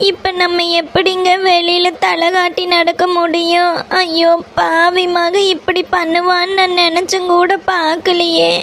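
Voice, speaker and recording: A woman's voice: very high voice, completely flat delivery, unhurried, fairly bright tone, a little hiss or hum, full character voice. A woman voicing an elderly village grandmother in a cartoon, with a Kongu Tamil accent, pleading and lamenting as she calls on her husband. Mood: wailing. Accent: Kongu Tamil (Coimbatore). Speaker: cartoon character voice. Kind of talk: village cartoon drama acting.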